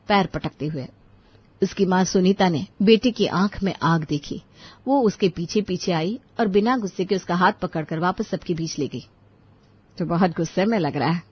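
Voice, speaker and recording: A woman narrating a scripted family story in a steady, expressive storytelling voice. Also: fairly low pitch, moderate pace, husky, muffled recording.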